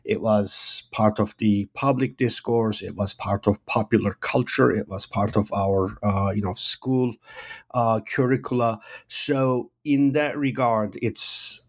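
A man from Turkey in his forties, a history professor answering interview questions thoughtfully, with many pauses and fillers. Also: on the low side, steady tone.

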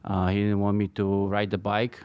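Halting Polish-accented man, low voice. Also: monotone, a little mellow, clean tone, dry recording. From Poland. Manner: hesitant, halting, many ums. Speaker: knife maker guest. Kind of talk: studio interview.

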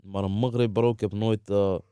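A man with a low, mellow and clear voice chats casually in an interview. He speaks with a Moroccan-Dutch street accent, heavy on slang such as bro and wallah. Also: level tone, normal speed, no room sound, studio quality. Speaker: interviewed music artist. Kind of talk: casual chat.

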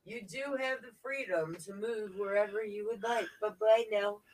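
A man co-hosting a casual talk show in a dry, deadpan way, his faulty mic making him faint and muffled, as if heard through a wall. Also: high voice, normal speed. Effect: muffled, faint mic, like talking through a wall. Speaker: co-host. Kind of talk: casual chat.

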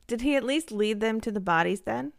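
A woman's voice: a little high, expressive, fairly quick, creaky, dry recording, studio quality. A woman co-hosting a true crime podcast, reacting with disgust and asking her co-host questions.

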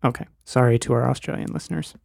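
A man's voice: mid-range voice, steady tone, quick pace, gravelly, darkish tone, dry recording, studio quality. A man co-hosting a podcast, talking through a TV episode in a thoughtful, analytical, wordy way. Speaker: podcast co-host. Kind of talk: casual chat.

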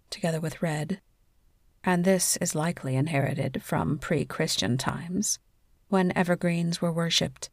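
A woman narrating a scripted sleep story in a soothing, measured bedtime delivery. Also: low-pitched, darkish tone, dry recording, studio quality.

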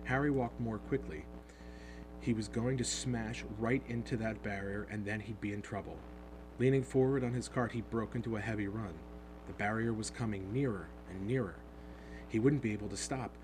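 A man narrating a storybook in an expressive, animated reading, heard over a steady hum. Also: on the low side, moderate pace. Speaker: audiobook narrator.

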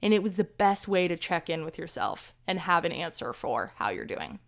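A woman's voice: lowish voice, big pitch swings, moderate pace, gravelly. A young woman in her twenties hosting a casual solo podcast, chatty and rambling with self-deprecating asides, a little out of breath. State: slightly out of breath. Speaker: podcast host.

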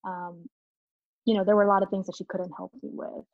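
A woman from Vietnam, a guest in an interview, speaking reflectively with many pauses and ums. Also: medium pitch, level tone, no room sound. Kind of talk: conversational interview. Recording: muffled, dull sound.

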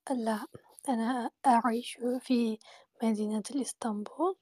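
Young woman student, slow and halting, soft sleepy tone, a bit high, dry sound. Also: fairly even intonation, breathy edge, dry recording, rough recording. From Turkey. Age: 20s. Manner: hesitant and halting, searching for words. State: sleepy, speaking softly. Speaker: student learner. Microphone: phone in an audio chat app.

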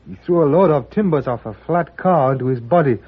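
Husky, deferential Chinese servant. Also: male voice, a little high. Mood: aggrieved. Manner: polite, halting, earnest. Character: deferential, grieving young Chinese hotel servant man. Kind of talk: old radio western acting. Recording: dull old radio recording.

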